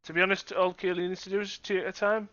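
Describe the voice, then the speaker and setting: High-voiced man co-commentating, dull lo-fi sound. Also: flat delivery, fast talker, sharp tone. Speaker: snooker co-commentator. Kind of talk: live sports commentary, conversational.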